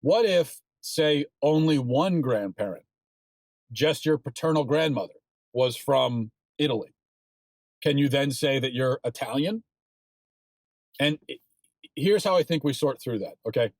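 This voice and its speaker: A man's voice: mid-range voice, animated, a little slow, long pauses, a little mellow, no room sound. A man delivers solo political commentary in a mid-range voice, building his arguments and leaning into emphatic, insistent points. He is recorded close on the mic in a dry studio with no room sound. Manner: sports analogies.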